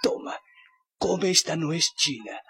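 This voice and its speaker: An actor playing a frail, wise old Chinese helper in a children's audio fairy tale, speaking solemnly. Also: male voice, fairly high pitch, very animated, takes it slowly, gravelly, sharp tone, slightly rough, heavily acted. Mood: solemn, helpful. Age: older. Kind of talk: children's audio adventure acting.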